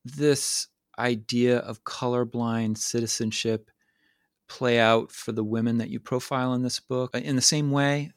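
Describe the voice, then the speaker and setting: A man's voice: medium pitch, steady tone, a little slow, clean tone, no echo, studio quality. A man hosting a podcast interview, asking long, reflective questions. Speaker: podcast host.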